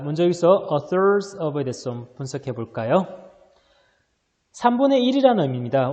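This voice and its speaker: A male high school English teacher giving a recorded online lesson, explaining step by step and answering his own questions. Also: warm tone, long reverb tail. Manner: mixes English readings into Korean explanation.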